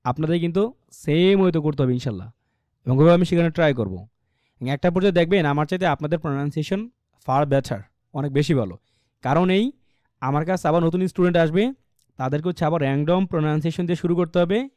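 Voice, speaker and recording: A man teaching an online English pronunciation class, explaining patiently and modeling phrases slowly with strong word stress. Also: a little high, a little mellow, no room sound. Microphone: computer mic on a video call.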